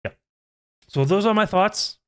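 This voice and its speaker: A man's voice: high-pitched, measured pace, clear, resonant tone. A man in his twenties, a channel host, giving an earnest, pleading vlog rant. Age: 20s.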